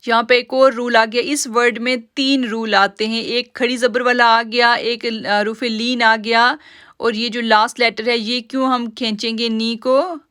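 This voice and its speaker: A woman teaching recitation rules, her voice bright and crisp, set a little high. She stretches each word out slowly as she demonstrates it, then explains the rule in a calm, measured way. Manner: addresses listeners as sisters. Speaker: tajweed teacher. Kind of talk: online Quran recitation lesson.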